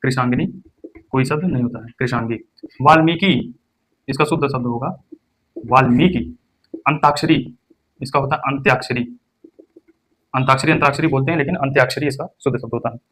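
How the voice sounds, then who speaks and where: A young man teaching an exam-prep Hindi lesson. He stresses each word and then repeats it slowly. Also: mid-range voice, fairly bright tone.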